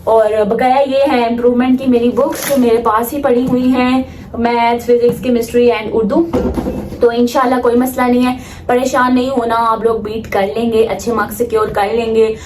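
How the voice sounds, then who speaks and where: A young Pakistani woman in her late teens talks casually to her viewers like a student vlogger, emphatic and opinionated, with English phrases mixed in. Her high voice has little pitch movement and a moderate pace, with a roomy sound and faint background noise.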